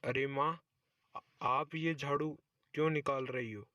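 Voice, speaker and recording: A man voicing a stern young husband and son in a cartoon story, commanding and quick to scold. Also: medium pitch, steady tone, sharp tone, dry recording, clean studio sound. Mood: puzzled.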